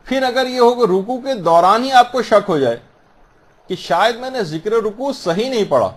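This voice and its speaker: A man teaching the rules of prayer in a patient, explanatory way, repeating phrases and slowing down to model the correct pronunciation. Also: sits high, lively intonation. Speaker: religious teacher. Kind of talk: instructional talk on prayer rules.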